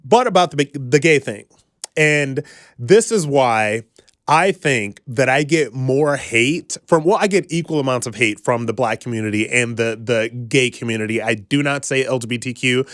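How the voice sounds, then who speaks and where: A man's voice: medium pitch, normal speed, fairly bright tone, no room sound, clean studio sound. A man giving a direct-to-camera political monologue, emphatic and building his points through repetition. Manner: emphatic, repetitive rhetorical delivery. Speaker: political commentator.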